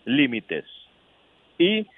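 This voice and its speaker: A man's voice: a little high, wildly swooping pitch, drawn-out words, no echo, phone-quality sound, faint music behind. A man co-hosting a comedic talk show, easygoing and agreeable with wry asides. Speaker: co-host.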